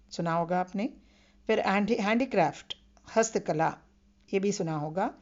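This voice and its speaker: A woman's voice: on the low side, darkish tone, highs cut off. A woman lecturing on Hindi vocabulary, patiently repeating each term and reminding listeners to remember it. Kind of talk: recorded online lecture.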